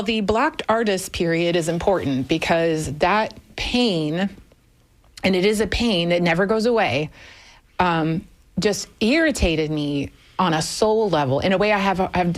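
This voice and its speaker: A woman's voice: fairly low pitch, expressive, unhurried. A woman in her fifties, a guest on a radio talk show, speaking candidly and thoughtfully, with frequent fillers. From Germany. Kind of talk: conversational radio interview. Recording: radio studio.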